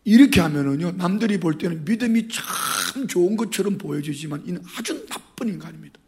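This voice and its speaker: A middle-aged man preaching a sermon as a pastor, telling stories with big swings between loud and soft. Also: high voice, animated, a little fast.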